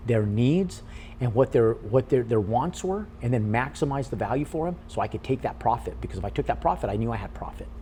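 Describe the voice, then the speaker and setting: A man in an interview who tells his story casually, animated and with casual swearing. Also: mid-range voice, brisk, slight background noise. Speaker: podcast guest, real estate investor.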